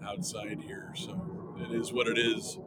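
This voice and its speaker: A man's voice: on the low side, level tone, a little slow, very noisy. A man hosting a podcast outdoors, chatting casually into a close microphone with lots of laughing and restarts. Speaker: podcast host. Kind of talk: casual chat. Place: outdoors, with jets passing over.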